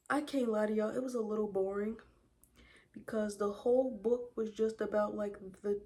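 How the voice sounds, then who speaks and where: A young woman of twenty talks through her monthly reads in a casual get-ready-with-me chat. She retells stories with animated asides, rhetorical questions and little jokes for her viewers, with a voice of middling pitch. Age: 20s. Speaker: book vlogger. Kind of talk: casual chat while doing makeup.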